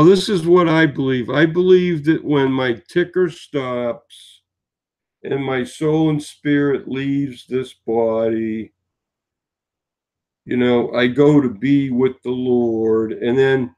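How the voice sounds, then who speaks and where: Slow and medium-pitched with a darkish tone, this tired man in his sixties vlogs casually. His chatter meanders, and fillers crop up throughout his storytelling.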